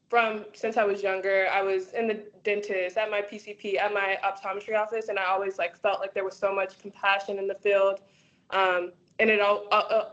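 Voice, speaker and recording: Young woman student on a muffled call. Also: medium pitch. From Georgia, USA. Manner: soft-spoken, frequent ums and likes. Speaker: optometry student. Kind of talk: webinar guest sharing experience. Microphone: video call.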